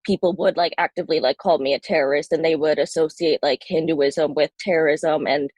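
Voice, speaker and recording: A woman's voice: sits low, fairly even intonation, brisk, a little mellow, no room sound. A woman in her thirties from Bangladesh, raised in New Jersey, talking casually as an interview guest, with lots of ums and likes and a matter-of-fact tone. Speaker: guest poet.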